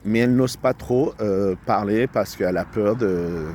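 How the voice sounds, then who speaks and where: Middle-aged man, very deep and slow, halting casual vlog chat outdoors, lots of ums and restarts. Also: noisy background. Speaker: vlogger. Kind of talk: casual rambling vlog talk. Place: outdoors by a road.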